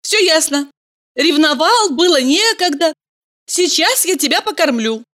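A woman's voice: high-pitched, lively intonation, unhurried, a bit bright, voice pushed up. A woman doing a bubbly, teasing young heroine. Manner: bubbly, chirpy and exclamatory.

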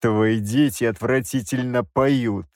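A man voicing a furious, irritable nonhuman male hero who shouts and snarls. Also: mid-range voice, steady tone, slow, no room sound, studio quality.

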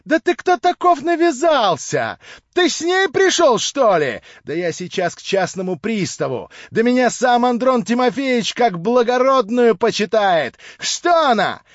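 A cruel drunken landlady screeches and scolds in a shrill, high, hysterical voice, as a man reading the book puts her on. The recording is dry and slightly dull. She sounds like a storybook villain. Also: lively intonation, normal speed, no echo. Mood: shrieking. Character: drunken shrieking landlady, middle-aged, cruel. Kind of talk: audiobook character voice.

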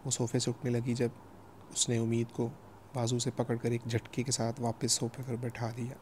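Man narrating a novel in a flat voice. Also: mid-range voice, a little hiss or hum.

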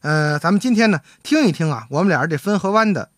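Male radio host, crosstalk performer; high, bouncy delivery, dry close sound. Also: fast, no room sound. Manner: lively, chatty, playful. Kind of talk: storytelling radio talk.

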